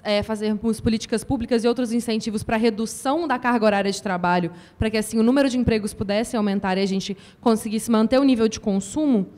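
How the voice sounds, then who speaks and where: A woman's voice: a little high, a little mellow. Young woman student asking a question. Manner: polite, slightly halting. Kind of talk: audience question at a forum.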